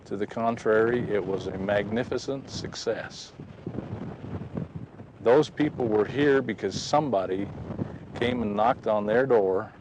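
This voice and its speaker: A man's voice: fairly low pitch, measured pace, noisy background. A man giving an earnest personal faith testimony outdoors at a historic site, acting out the dialogue as he tells it. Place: outdoors on a ridge.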